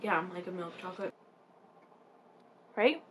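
A woman's voice: lowish voice, lively intonation, unhurried, fairly bright tone, a little hiss or hum. A woman co-hosting a casual vlog, giggly and teasing as she chats about arcade games and snacks. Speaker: vlog co-host.

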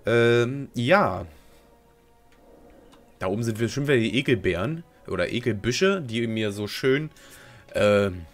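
A man's voice: medium pitch, expressive, measured pace, long pauses, soft background music. Rambling young man playing a game. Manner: rambling and slangy, talks to himself while playing. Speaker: gaming video host. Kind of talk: casual let's play commentary.

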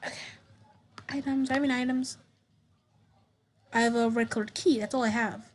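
Young woman reading a visual novel out loud, high husky voice, stumbles over words a lot. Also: normal speed. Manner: stammering, repeats words, reads dialogue with sudden excited bursts. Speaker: gameplay streamer. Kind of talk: reading visual novel text aloud with commentary.

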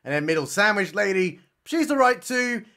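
Young male reviewer, irreverent comedic recap, high and lively delivery. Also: moderate pace. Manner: irreverent, sarcastic, crude jokes. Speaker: film reviewer. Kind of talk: comedic film recap narration.

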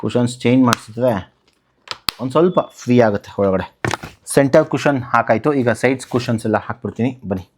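Slight background noise sits behind this fast-talking, medium-pitched man from Karnataka, India. As a motovlogger and channel host, he casually explains a hands-on tutorial by posing questions and answering them.

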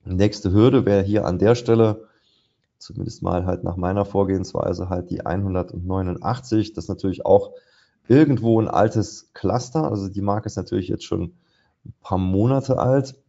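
Talking through his trades live over a screen share, this presenter thinks aloud about the market charts, dropping in plenty of fillers. He speaks at a moderate pace in a low, warm voice with vocal fry, and the highs are cut off.

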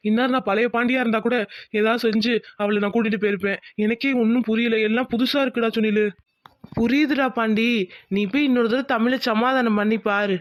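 A man's voice: very high voice, fairly even intonation, fairly quick, no room sound, clean studio sound. Man voicing Tamil cartoon characters. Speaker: cartoon voice artist doing several male characters.

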